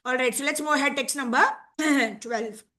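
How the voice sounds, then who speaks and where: High, bright woman teaching with a cold. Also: flat delivery. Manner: explains with frequent "right?" checks; chants verses in a measured way. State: has a cold. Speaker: class teacher. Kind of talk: scripture class explanation.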